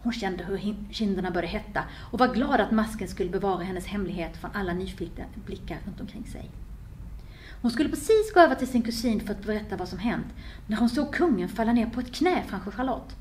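A woman author reading her own story aloud with expressive storytelling. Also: medium pitch, a little hiss or hum.

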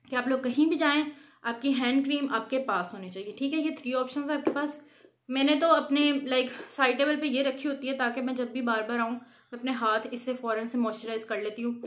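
Chatty high-voiced woman beauty vlogger. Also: a bit bright. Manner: chatty, instructive, frequent "theek hai" check-ins. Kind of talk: casual how-to vlog.

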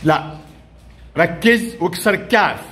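A man's voice: high-pitched, a little slow, fairly bright tone, slight background noise. A male primary school teacher, giving a classroom reading lesson and prompting and praising pupils in short commands.

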